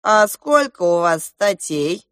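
A woman voicing a calm, authoritative young male prince in a storybook reading. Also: fairly low pitch, slow, dry recording, studio quality, heavily acted. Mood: commanding. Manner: composed, authoritative. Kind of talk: audiobook character voice.

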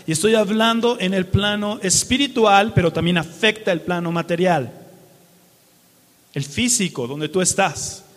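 A man's voice: high-pitched, a little slow, fairly bright tone, big-room sound. A Mexican man preaching a sermon, colloquial, throwing rhetorical questions at the congregation. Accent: Mexican Spanish.

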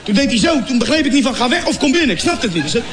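A man's voice: very high-pitched, sing-song, rapid-fire, over a noisy crowd, heavy background noise. A man from Morocco telling a stand-up comedy story, acting out scenes with sound effects and mock voices.

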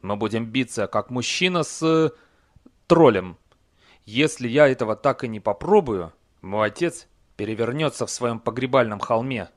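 Man doing a gruff old barbarian. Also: medium pitch, expressive, normal speed, close to an everyday voice. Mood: stubborn. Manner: curt, blunt.

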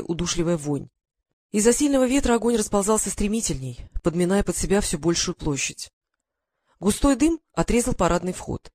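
A man's voice: high-pitched, a little mellow, no room sound, clean studio sound. Man narrating an adventure audiobook. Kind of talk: scripted first-person narration.

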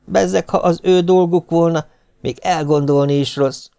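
A man playing a snappish, excitable mother. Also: on the high side, creaky, clear, resonant tone, voice pushed up. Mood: indignant. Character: excitable mother, quick to snap.

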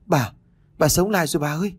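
A man's voice: mid-range voice, moderate pace, slightly rough, pitched above the performer's own voice, natural voice. A man voicing a frightened young woman crying out for her dead grandmother in a ghost story. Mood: frightened, pleading.

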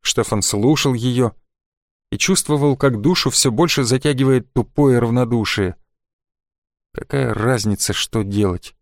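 Male narrator, measured literary reading, dry close mic. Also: medium pitch, no echo. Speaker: audiobook narrator. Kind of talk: scripted narration.

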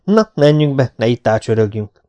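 A man doing a gruff scruffy smuggler. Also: medium pitch, animated, warm tone, highs cut off, close to an everyday voice. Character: scruffy male drug smuggler, gruff and wary.

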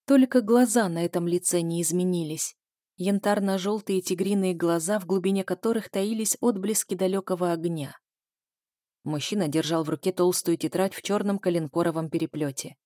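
Mellow-voiced woman narrating an audiobook. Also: on the low side, moderate pace, dry recording, studio quality. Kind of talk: scripted narration.

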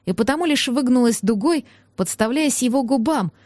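A woman reading a novel aloud as first-person narrator, in an expressive storytelling manner. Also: high-pitched, moderate pace, no room sound. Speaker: audiobook narrator.

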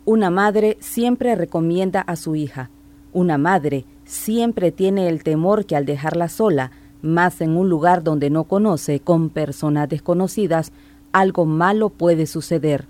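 A woman reading scripted narration for a radio report in a measured, solemn way. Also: fairly low pitch, warm tone.

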